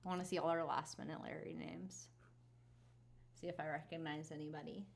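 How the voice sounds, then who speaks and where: A woman's voice: deep voice, flat delivery, brisk, creaky. A woman co-hosting a livestream, casually chatting and thanking viewers. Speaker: livestream co-host.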